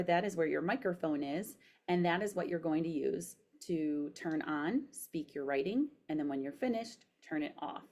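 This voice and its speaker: A woman with a slightly low-pitched voice gives a tutorial demonstration. She speaks as an instructor dictating aloud for voice typing, in an even, explanatory way.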